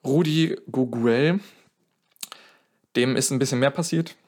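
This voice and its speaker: A podcast co-host, a man with a medium-pitched, darkish voice, recounts a song's history at a measured pace. His talk is casual and long-winded, and he often corrects himself mid-sentence as he thinks aloud.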